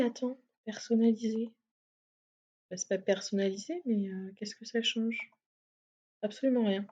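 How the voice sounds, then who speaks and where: A woman's voice: on the high side, mellow, husky. A woman streaming a game live, chatting casually, swearing and laughing at herself. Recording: slightly muffled stream mic.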